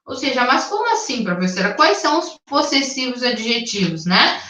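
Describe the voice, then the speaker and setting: A woman English teacher, patiently explaining a recorded lesson, checking in often and reading English sentences slowly and carefully. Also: on the high side, big pitch swings, sharp tone, slight background noise. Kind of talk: recorded online class explanation. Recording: dull, echoey sound from a distance.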